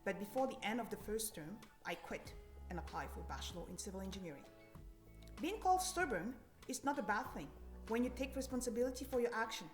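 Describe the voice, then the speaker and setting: A woman's voice: mid-range voice, expressive, fast talker. A woman in her thirties from Cameroon, a civil engineer giving an earnest, encouraging scripted career talk to students. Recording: echoey room, faint music behind.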